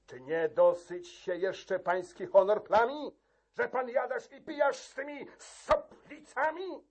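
A man voicing an old male castle key-keeper, fiery and defiant, shouting indignantly in a dramatic verse reading. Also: very high-pitched, takes it slowly, slightly rough, voice pushed up, full character voice.

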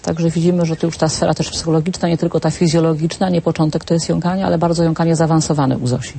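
A woman speech therapist calmly explaining clinical terms as a guest on a talk show. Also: deep voice, quick pace, creaky, a little hiss or hum.

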